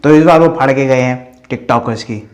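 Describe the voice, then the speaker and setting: A man's voice: medium pitch, fairly quick, very noisy. A man from Dehradun giving crude, mocking roast commentary full of swearing. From Dehradun, India.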